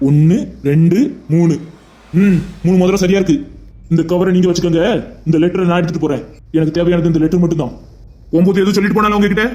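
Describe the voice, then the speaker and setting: Cartoon police officer, a man doing the voice, questioning bluntly, brisk. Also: sits high, steady tone, dark tone, muffled recording, close to an everyday voice. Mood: stern. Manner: curt, questioning. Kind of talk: Tamil cartoon voice acting.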